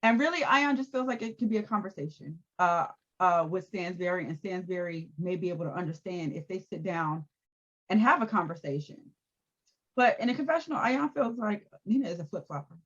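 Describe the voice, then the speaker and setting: A woman co-hosting a casual recap chat, animated and laughing often as she acts out quotes. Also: fairly low pitch, a little fast, lo-fi sound. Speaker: podcast co-host.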